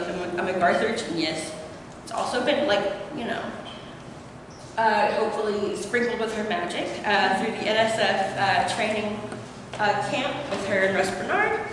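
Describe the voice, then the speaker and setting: Recorded from afar in a noisy, echoing hall, a young Appalachian woman with a medium-pitched voice gives a casual academic talk. She is a doctoral student presenting research, and she hesitates frequently with fillers.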